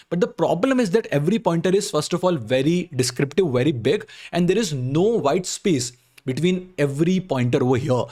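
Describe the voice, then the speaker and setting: A man's voice: a little high, darkish tone. A man with an Indian accent giving a blunt, instructive critique to camera, often checking in with short tag questions. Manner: blunt, instructive, repeats points with frequent "okay?" tags. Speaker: video creator reviewing job application emails.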